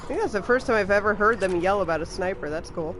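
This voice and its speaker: A young woman talks casually over her game, reacting out loud and laughing often. Her pitch sits in the middle, and she chats freely with viewers. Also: quick pace. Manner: chatty, laughs often, reacts loudly to gameplay. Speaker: streamer. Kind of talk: casual live game commentary.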